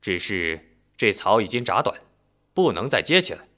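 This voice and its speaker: A man's voice: on the low side, big pitch swings, moderate pace, a bit bright. A man storyteller voicing a cautious, anxious middle-aged village man who hesitates and trails off. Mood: pleading.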